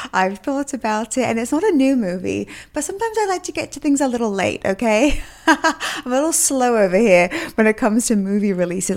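An upbeat woman hosts her solo self-help podcast and laughs often as she talks. Her pitch sits in an ordinary middle range. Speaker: podcast host.

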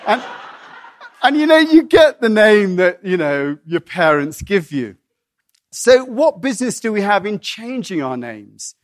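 A man's voice: high-pitched, very animated, unhurried. A middle-aged man from England giving a conversational sermon, full of asides and restarts. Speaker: pastor.

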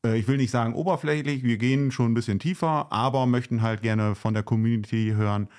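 A man co-hosting a podcast, talking casually in a halting way, full of fillers and tag questions. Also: mid-range voice, steady tone, a little mellow. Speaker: podcast co-host. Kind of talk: casual chat.

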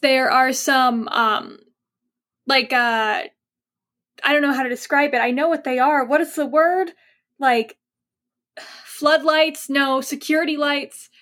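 Chatty high-voiced woman game master. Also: steady tone, takes it slowly, long pauses, fairly bright tone. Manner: chatty, searches for words, laughs easily. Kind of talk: narrating a tabletop game.

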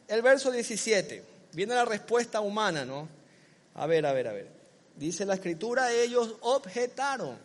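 High-voiced preacher in a reverberant church. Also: male voice. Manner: animated, acts out dialogues. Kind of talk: sermon.

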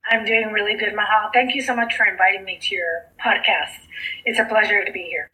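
Medium in pitch with fairly even intonation and a sharp tone, this woman's voice comes through a rough recording. She's a middle-aged author and coach from South Texas who grew up with Spanish, and as a podcast interview guest she tells her story earnestly and from the heart, using slow, emphatic phrasing.

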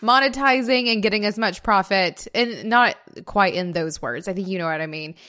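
A woman's voice: mid-range voice, moderate pace, bright, forceful tone. A woman co-hosting a podcast interview, talking in a chatty way and laughing easily. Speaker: podcast co-host.

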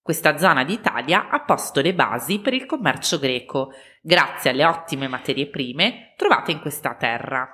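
An Italian woman co-hosting an educational podcast for language learners, speaking in scripted dialogue with clear, didactic phrasing. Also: deep voice, expressive, normal speed, hardly any pauses, bright, forceful tone. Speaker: podcast co-host.

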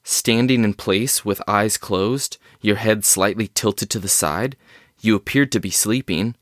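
A man's voice: lowish voice, a little slow, dry recording, studio quality, close to an everyday voice. A man playing an agitated, skeptical scientist in an audio drama, speaking in formal, theatrical and emphatic phrases. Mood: grave, dramatic recounting. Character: agitated male scientist, skeptical, rattled and wordy.

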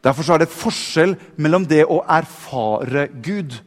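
A male preacher delivers a sermon in a fairly high voice, repeating words as he presses his point and growing more fervent. His voice carries a long reverb from a large church hall. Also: animated.

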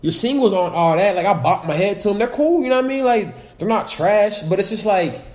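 A man's voice: high-pitched, animated, fairly quick, darkish tone, roomy sound. A man co-hosting a podcast, talking bluntly and animatedly in casual chat, swearing freely, with a sore throat. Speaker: podcast co-host.

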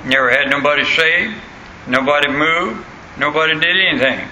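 A man's voice: on the high side, moderate pace, bright, forceful tone. An older man with a rural Southern US accent and an old country voice, preaching a sermon in a plain-spoken, folksy way and repeating phrases for emphasis. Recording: echoey room, faint background noise.

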